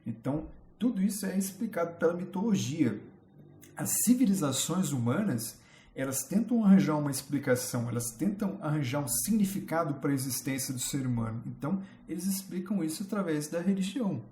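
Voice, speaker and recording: A man with a Brazilian Portuguese accent teaching a casual history lesson, chatty and full of rhetorical questions, pausing to admire his slides. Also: on the high side, lively intonation, dark tone, a little hiss or hum. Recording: roomy echo.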